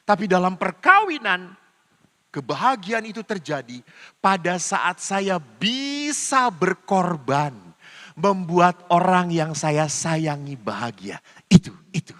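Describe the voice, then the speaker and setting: Older man, priest, bright high voice, playful storytelling sermon, long hall reverb. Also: very animated, slow pace. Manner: storytelling, mimics dialogue with voice changes. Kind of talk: humorous sermon with acted anecdotes.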